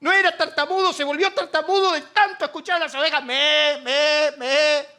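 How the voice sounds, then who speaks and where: A middle-aged man with an Argentine accent preaching a sermon, joking between loud preaching and quiet asides. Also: very high-pitched, steady tone, quick pace. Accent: Argentine Spanish. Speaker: pastor.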